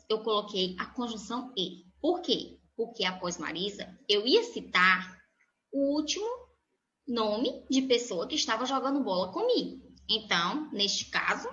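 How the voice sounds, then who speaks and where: A woman teacher giving a slow, step-by-step recorded grammar lesson for children. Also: mid-range voice, big pitch swings, sharp tone. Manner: slow, explanatory, spells out each example. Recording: echoey room, dull lo-fi sound.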